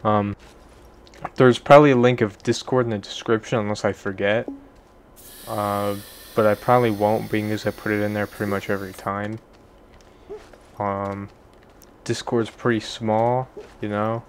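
A man's voice: lowish voice, flat delivery, moderate pace, pauses often, a little hiss or hum. Rambling self-mocking young gamer guy. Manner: rambling, self-deprecating, swears casually. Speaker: gaming video creator. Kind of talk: casual gameplay commentary.

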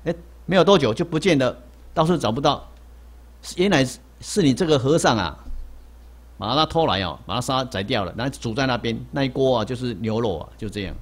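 A man voicing a rough, angry farmer who scolds and accuses a monk, told inside a sermon story. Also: medium pitch, lively intonation, brisk, natural voice. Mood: angry accusing.

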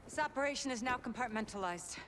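A woman's voice: a little high, animated, quick pace, heavy background noise, natural voice. A middle-aged woman playing a firm intelligence station chief, clipped and authoritative. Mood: firm, urgent. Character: brisk, firm female CIA station chief.

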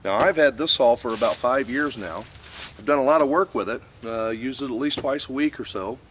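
A man's voice: medium pitch, fairly quick, fairly bright tone, a little hiss or hum. An older man hosting his channel, casually explaining and demonstrating a chainsaw in a wooded lot, folksy and plain with fillers, recorded by a camera mic. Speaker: channel host reviewing a chainsaw.

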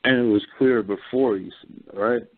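A man's voice: medium pitch, moderate pace, dry recording. A man hosting a call-in show, talking in a rambling way full of fillers, his voice muffled as if heard through a wall. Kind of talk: casual phone conversation. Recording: muffled phone line.

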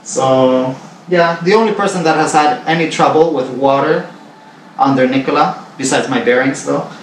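A man's voice: fairly high pitch, normal speed, slight background noise. A man in his forties from Canada, talking casually to camera in his living room and rambling with many fillers and repeats. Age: 40s. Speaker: vlogger. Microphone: far camera on a tripod. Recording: roomy, distant camera sound.

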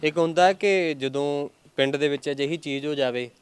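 A man from Punjab, India, interviewing a grieving family in a gentle, prompting and consoling way. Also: a little high, fairly quick, clean tone. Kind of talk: field interview.

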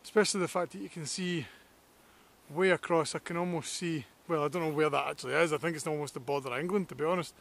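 A man's voice: a little high, fast, creaky, a bit bright. A man with a Scottish accent, a landscape photographer vlogging outdoors on a hillside, enthusiastic and reflective as he talks to the camera. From Scotland. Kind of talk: outdoor walking vlog. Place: hillside outdoors in snowy weather.

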